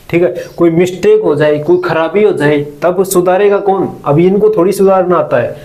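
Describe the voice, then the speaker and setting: A man presenting a job-recruitment explainer channel gives an informal, conversational lesson, frequently asking questions and answering them himself, with lots of check-in tags. His voice is a little high and a little mellow.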